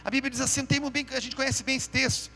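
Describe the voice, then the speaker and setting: Speaking quickly in a very high, bright, forceful voice, though with flat delivery, a pastor delivers a fervent sermon during a live church service. He calls to the congregation and asks them to repeat his words.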